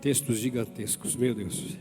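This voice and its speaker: Brief: male Brazilian preacher, lively sermon with call-and-response, long church-hall reverb and faint music. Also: medium pitch, measured pace. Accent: Brazilian Portuguese. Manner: animated, calls on the congregation to repeat after him. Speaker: pastor.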